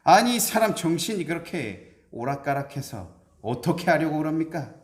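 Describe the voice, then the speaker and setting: A man voicing a calm, unflappable older male scholar who speaks in measured tones. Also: a little high, reverberant, pitched above the performer's own voice. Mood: incredulous.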